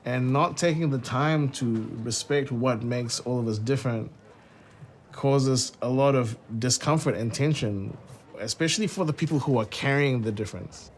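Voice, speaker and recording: A jazz musician, born in Singapore and raised in New Zealand, speaks thoughtfully in a documentary interview, often hedging with "sort of" and "like." His voice is mid-range and he talks at a normal speed.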